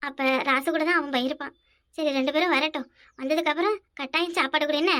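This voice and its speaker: Woman, Kanyakumari Tamil accent, very high voice, bright tone, cartoon voice acting. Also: steady tone. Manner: quick, bickering village chatter. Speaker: voice artist for a family cartoon. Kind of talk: animated village cartoon dialogue.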